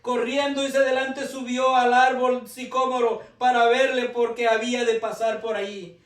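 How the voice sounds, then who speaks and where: A man's voice: very high-pitched, little pitch movement, moderate pace, a bit bright. A man preaching a sermon, earnest and building to emphasis, often addressing the congregation as brothers and sisters. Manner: earnest, with rising emphasis and frequent "mis hermanos". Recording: echoey room, heard from a distance.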